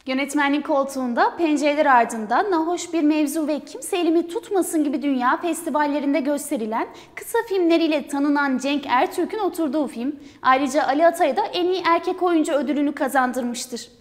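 A woman's voice: high voice, fairly quick, few pauses. A young woman co-presenting film news for university television, reading her script formally. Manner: formal read-aloud delivery. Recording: hall reverb.

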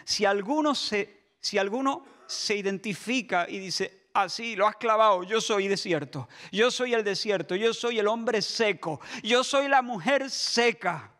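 A man from Spain, preaching a sermon in a church, impassioned, shifting between shouts and soft asides. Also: sits high, unhurried, few pauses. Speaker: pastor.

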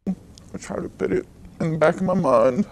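A woman interviewee whose voice has been electronically altered to sound deep and disguised, speaking haltingly and repeating words. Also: gravelly, a little mellow, a little hiss or hum, poor audio. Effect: voice altered to a deep, disguised pitch.

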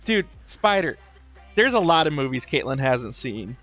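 A man's voice: mid-range voice, very animated, normal speed, fairly bright tone, soft background music. A man streaming, chatting casually and joking with his co-streamer while greeting his chat by name.

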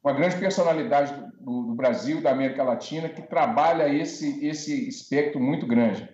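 A man's voice: medium pitch, moderate pace, a little mellow, muffled recording. Brazilian man hosting from a roomy video call. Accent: Brazilian Portuguese. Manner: welcoming, chatty, frequent tag questions. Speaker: host. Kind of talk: live online talk show. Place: home room with bookshelves.

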